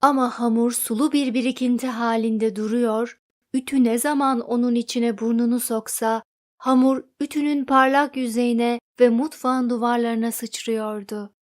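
A woman narrating a children's storybook in an expressive read-aloud manner. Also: a little high, moderate pace.

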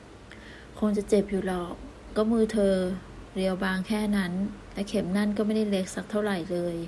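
A woman's voice: mid-range voice, level tone, normal speed, dark tone, slight background noise, natural voice. A woman voicing a kindly middle-aged nurse in a romance audiobook, giving polite advice.

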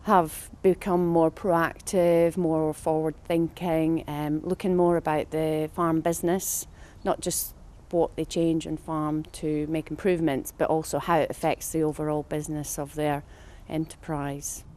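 Earnest woman with a low, dark voice. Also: level tone, measured pace, hardly any pauses. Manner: earnest, with fillers and repeated words. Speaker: monitor farm facilitator. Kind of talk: interview answers. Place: outdoors on a farm.

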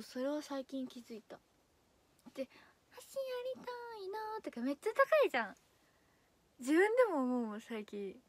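Young female idol, casual stream chat, high-ish voice that wanders up and down, frequent laughs. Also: no echo. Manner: chatty, drifts between high and low voice, laughs often.

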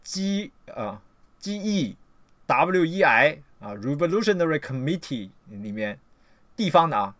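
A man lectures his livestream audience in a scolding, emphatic way, swearing freely. He swings from loud outbursts down to low muttering in a slightly high voice. The sound is close and dry. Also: very animated, measured pace, no room sound. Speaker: livestream lecturer on political theory.

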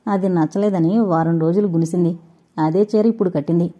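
Mellow woman reading an audio novel. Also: lowish voice, brisk, husky. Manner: steady, expressive reading. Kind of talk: scripted story narration. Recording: dull lo-fi audio.

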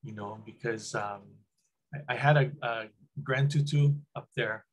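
Talking at a measured pace in a mid-range voice, a middle-aged guest speaker from Hawaii gives a relaxed, wandering talk via webcam on a video call. He sits in a small room indoors, and his speech is peppered with ums and restarts.

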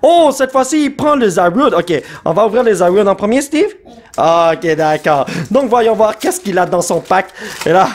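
Excitable Quebec French man, high voice. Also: moderate pace. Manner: excitable, bursts into shouts, sprinkles English slang. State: strained voice from shouting. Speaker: YouTuber opening trading card packs. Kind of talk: excited casual vlog commentary.

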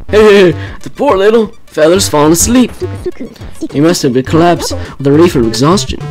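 A man's voice: sits high, animated, moderate pace, darkish tone, faint music behind, rough recording. A man voicing a chatty elderly male ghost scientist in a doddering, old-fashioned way, reading game dialogue. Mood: rambling.

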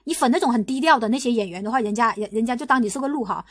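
On her livestream, a young woman from Guangdong, China, talks fast in tumbling bursts, arguing insistently as she restarts sentences and fires the same rhetorical questions over and over. Her high voice is a bit bright with a breathy edge, recorded close and dry with no room echo.

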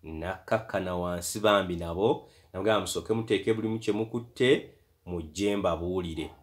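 Low-voiced Ugandan man retelling a book. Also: moderate pace. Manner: lively, chatty retelling with asides. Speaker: storyteller and translator. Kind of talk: retelling a book in English and Luganda.

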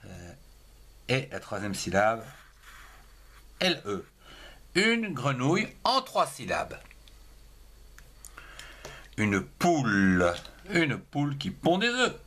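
A man teaching young children to write, moving through each word at a very slow pace. He spells out every letter and syllable one at a time, his voice rising and falling in a lively sing-song. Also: medium pitch.

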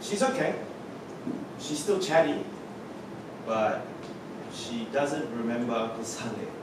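In a staged reading on a theatre stage, an actor plays Adam, a young man who teases his mother and worries about her. His medium-pitched, natural voice moves slowly, going from wry and joking to alarmed shouting as the anxious son. The recording comes from a far camera with no visible mic, so the hall sounds echoey, distant and noisy.

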